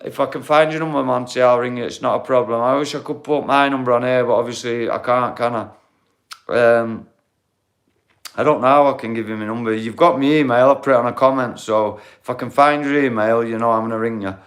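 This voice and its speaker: A man in his forties hosts a casual livestream on his phone, speaking a little fast in a mid-range voice with fairly even intonation. He's blunt and matey, swears, and calls everyone mate and bro.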